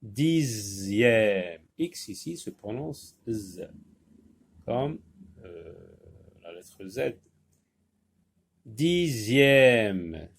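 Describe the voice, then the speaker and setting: A man teaching a French phonics lesson, slowly repeating and stressing each sound for young learners. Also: lowish voice, very animated, vocal fry, dark tone, slightly rough.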